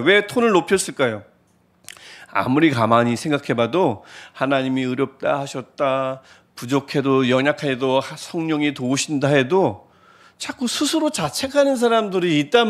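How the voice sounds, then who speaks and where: Male pastor, middle-aged, high-pitched, animated and self-deprecating sermon delivery. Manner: animated storytelling, swings from soft asides to shouted exclamations; self-deprecating, laughs at himself.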